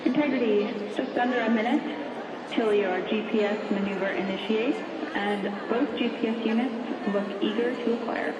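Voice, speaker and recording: A woman giving crisp, procedural mission control calls over a distant space-to-ground radio loop. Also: a little high, normal speed, over a noisy crowd. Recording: distant echoey radio feed with loud noise.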